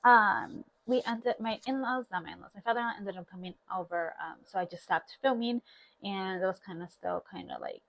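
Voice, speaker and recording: A woman's voice: medium pitch, a little fast, vocal fry, fairly bright tone, poor audio. A woman in her thirties chatting informally to viewers in a meandering way, as a stay-at-home mom vlogger on a clip-on mic. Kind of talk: casual vlog chat to viewers. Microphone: clip-on lapel mic.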